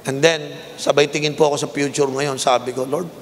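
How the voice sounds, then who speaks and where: Filipino preacher in his fifties, fairly high voice, long arena reverb, faint crowd behind; climbs high on rhetorical questions. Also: little pitch movement, brisk, slight background noise. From Philippines. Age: 50s. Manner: voice rises sharply in pitch for emphatic rhetorical questions. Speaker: bishop preaching. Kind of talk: sermon mixing Tagalog and English. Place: large indoor arena.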